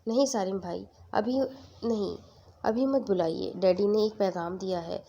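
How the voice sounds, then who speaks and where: A woman's voice: medium pitch, gravelly, mellow, slight background noise, close to an everyday voice. A woman voicing an anxious young man who pleads with a trembling voice. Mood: pleading.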